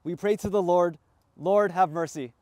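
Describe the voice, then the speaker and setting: Priest, male, high voice, measured recitation of funeral liturgy, dry sound. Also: darkish tone, no echo. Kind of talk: graveside funeral rite.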